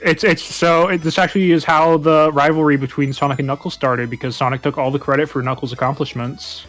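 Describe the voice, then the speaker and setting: A man's voice: on the high side, fairly even intonation, a bit bright, faint music behind. A man chatting casually on a game stream, joking and laughing often. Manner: jokey, laughs a lot, quick asides. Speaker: stream guest.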